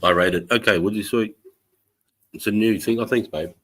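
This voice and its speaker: Australian man, very low voice, bright hard edge, casual stream host, blokey slang, sweary. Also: fairly even intonation, normal speed. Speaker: livestream host. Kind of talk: casual livestream chat.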